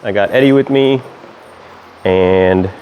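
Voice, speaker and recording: A man speaks in a lowish voice with a noticeable lisp, as if through missing front teeth. He instructs in a loose, informal way, like a trainer chatting to clients and checking they follow. Some background noise surrounds his voice. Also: slow, darkish tone, poor audio. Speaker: dog trainer. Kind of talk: casual instructional talk to clients.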